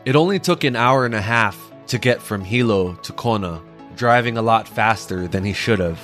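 A man narrating a story in a slow, measured way. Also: on the low side, fairly bright tone, soft background music.

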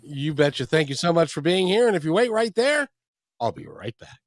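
Slightly high in pitch and a little fast, a man's voice swings widely as he hosts a talk show. He chats warmly and casually with his guest, repeating words here and there, and ends with the show's outro.

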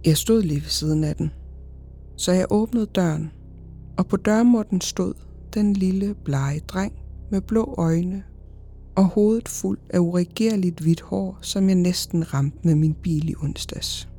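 A woman podcast host narrating a horror story in a measured, even way. Her voice sits low and mellow. Faint music plays beneath her. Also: slightly rough.

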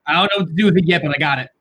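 A man with a husky voice chatting casually as a tabletop game player. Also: a little high, very fast, a crowd in the background, rough recording.

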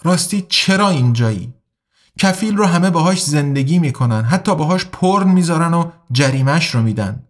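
A man's voice: on the high side, expressive, lightly acted. A man reading a story aloud, voicing a sly, scheming male smuggler who talks in a knowing, conspiratorial way. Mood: probing.

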